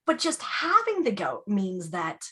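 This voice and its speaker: A woman's voice: medium pitch, huge pitch swings, a little slow, fairly bright tone. A woman and yarn dyer chatting casually as a guest on a video call, laughing often.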